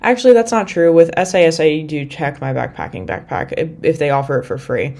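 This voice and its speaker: Animated and a little quick, this young American vlogger speaks in a low-pitched voice with a dark tone. She wanders casually through her travel commentary, filling gaps with "like" and "you know."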